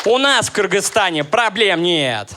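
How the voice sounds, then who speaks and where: A man in his thirties from Russia, performing a stand-up comedy set with deadpan, ironic jokes and crowd work. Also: high voice, measured pace, very noisy. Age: 30s.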